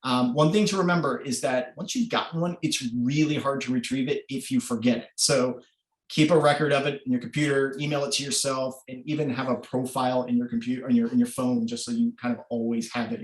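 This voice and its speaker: A man's voice: medium pitch, steady tone, brisk. Guy giving an online workshop, chatty explainer, lots of ums, echoey room. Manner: informal, explanatory, many filler ums. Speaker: workshop presenter. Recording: roomy echo.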